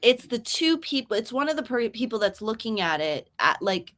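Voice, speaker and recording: Chatting casually at a moderate pace, this young writing-stream host livens up her stories. When she acts out quotes, her pitch jumps dramatically.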